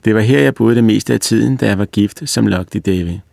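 Guy reading as a serious little girl recalling her past life, calm and sure of herself, low gravelly voice. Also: dry recording. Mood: earnest.

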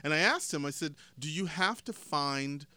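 A man's voice: a little high, normal speed, no echo. A man hosting a radio interview show, chatting casually and jokingly with his guests in a studio. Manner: chatty, animated, jokey with guests.

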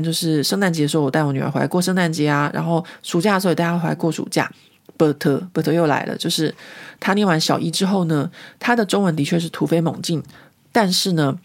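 Gravelly Taiwanese woman, chatty storyteller. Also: low-pitched. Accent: Taiwanese Mandarin. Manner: chatty and lively, laughs often. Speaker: podcast host. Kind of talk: casual storytelling monologue.

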